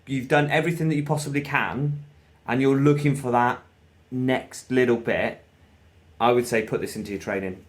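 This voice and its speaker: A British man co-hosting a podcast in casual, blokey banter with some swearing. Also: mid-range voice. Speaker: podcast co-host.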